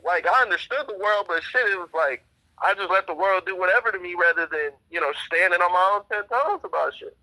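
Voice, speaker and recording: Young man, phone line, quick rambling delivery, higher than average pitch. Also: sharp tone. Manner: rambling, profane, quotes others with "she's like". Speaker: trial witness. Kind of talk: casual phone conversation.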